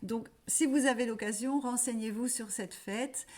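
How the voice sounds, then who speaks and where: A woman hosting a weekly spiritual message, talking gently and haltingly, with many fillers and restarts. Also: a little high, steady tone. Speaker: spiritual channel host.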